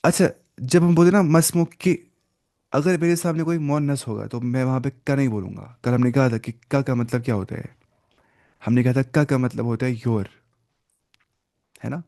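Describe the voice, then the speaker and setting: Male teacher, patient step-by-step explainer who quizzes his class, warm mellow tone, dry close sound. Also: mid-range voice, steady tone, no echo. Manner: repeats key words and asks the class quick check questions; patient step-by-step explaining, mixing in English terms. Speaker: Arabic teacher. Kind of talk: online language lecture.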